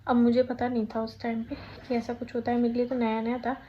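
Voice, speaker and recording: A woman's voice: a little high, completely flat delivery, a little fast, dull audio, slight background noise. A young woman chatting casually at home in a vlog, rambling and correcting herself as she talks. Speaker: vlogger. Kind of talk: casual pregnancy vlog chat.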